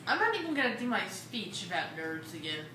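A woman's voice: medium pitch, big pitch swings, fairly quick, bright, forceful tone. A woman chatting casually while playing a video game. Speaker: video game let's player. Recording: roomy, distant mic, faint noise.

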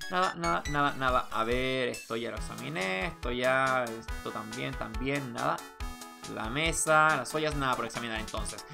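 A woman's voice: rumbling low, normal speed, gravelly. A woman casually playing through a game, reading dialogue aloud and commenting as she goes. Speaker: game player doing a dubbed playthrough. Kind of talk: casual playthrough with read-out dialogue. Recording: game music behind the voice.

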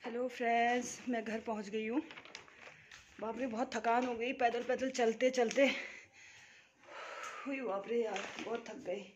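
A woman's voice: fairly high pitch, fairly even intonation, measured pace, pauses often, lo-fi sound. A woman from Uttarakhand chatting casually to her phone camera as she walks along an outdoor road, teasing the people she meets. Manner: chatty, teasing, talks to the camera while walking. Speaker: vlogger. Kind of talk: casual walking vlog chat. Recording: noisy outdoor street sound.

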